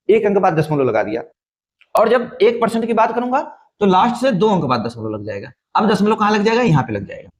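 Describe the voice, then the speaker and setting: High-voiced man teaching a maths lesson. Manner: repetitive, asks and answers own questions. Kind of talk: exam-prep maths lesson.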